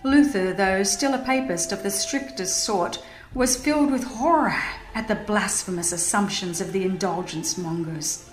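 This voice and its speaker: Reading a religious history as dramatized, scripted narration, a woman speaks at a moderate pace in a medium pitch. Her manner is solemn, emphatic and formal, and her echoing voice rides over music.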